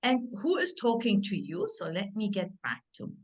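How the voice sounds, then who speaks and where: A middle-aged woman originally from Turkey, raised in Germany, works as a career and family coach and is running an encouraging online workshop over video call. Her mid-range voice is husky and sing-song, moving at a moderate pace, and she comes across warm and interactive with her audience. The recording quality is low.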